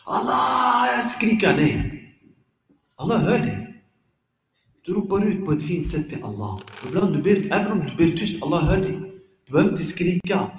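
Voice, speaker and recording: A man gives an informal dawn talk to a congregation, lively and animated as he acts out examples. His voice sits fairly high. The room is echoey with a long reverb. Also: pauses often. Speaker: preacher giving a dawn reminder.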